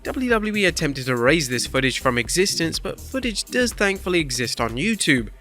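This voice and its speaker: A man delivers scripted countdown narration in a bright, forceful voice. His pitch sits a little higher than average for a man, and faint music plays behind his words. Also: very animated, a little fast. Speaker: narrator of a wrestling countdown video.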